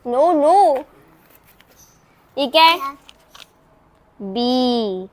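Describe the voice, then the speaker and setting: A woman's voice: sits high, expressive, drawn-out words, slight background noise. A woman vlogging casually, coaxing and teaching in a playful manner like a teacher. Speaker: family vlogger. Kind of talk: casual vlog.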